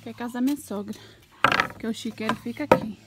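Filming herself on her phone, a woman vlogger chats quickly while doing daily chores around the pigsty and yard of her farm. She calls out to the animals in a high sing-song voice, with heavy background noise outdoors.

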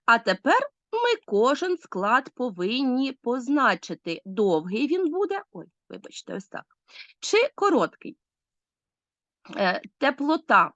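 Lively Ukrainian woman teaching a class. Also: high-pitched, measured pace, dry recording, highs cut off. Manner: explains step by step, addresses pupils directly. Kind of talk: literature lesson.

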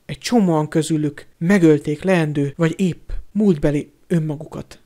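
A man's voice: a little high, warm tone, natural voice. A man voicing an anxious, clever schoolgirl in an audiobook, pressing and lecturing. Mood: insistent.

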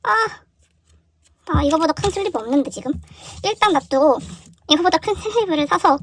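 High-voiced excitable young woman vlogger. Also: fairly quick, no echo. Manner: excitable, gasping and exclaiming in surprise. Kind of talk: casual unboxing chat.

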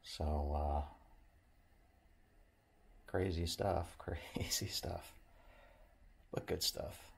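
A middle-aged man speaks slowly and reflectively to a phone held at arm's length, stopping often to restart his thoughts. His voice sits extremely low, with a flat, level contour. The tone is husky. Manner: reflective, halting, with many fillers and restarts. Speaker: vlogger. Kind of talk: casual talk to camera. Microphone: handheld phone at arm's length.

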